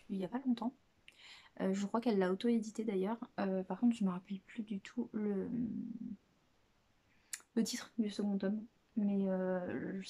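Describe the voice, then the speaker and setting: A woman presenting books in a casual vlog chat, hesitant and chatty, with many filler pauses and restarts. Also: medium pitch, dark tone. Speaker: book vlogger.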